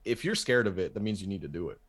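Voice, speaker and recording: Joking, rambling man with a low voice. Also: lively intonation, quick pace, fairly bright tone. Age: 30s. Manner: rambling, joking, self-mocking. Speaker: podcast guest. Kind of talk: casual podcast chat.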